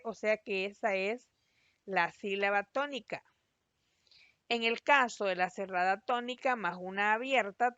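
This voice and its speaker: A woman's voice: mid-range voice, fairly bright tone, dry recording. Patient woman teacher explaining a lesson. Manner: patient, explanatory, spells out syllables slowly. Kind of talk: recorded online class lesson. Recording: dry, slightly dull lo-fi voice-over.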